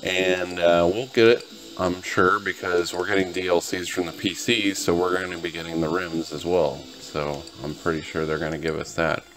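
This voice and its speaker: A tired, laid-back man who has just woken up gives his viewers rambling, casual gameplay commentary as host of a gaming video. His voice is low and flat at a normal speed, heard over music.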